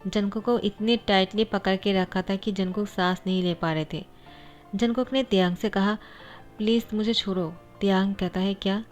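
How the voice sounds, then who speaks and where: A woman narrates a fan-written romance story, reading each character's lines without changing her voice. Her pitch sits in the middle range. Soft music plays under her voice. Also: steady tone, moderate pace. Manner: reads every character's lines in her own voice.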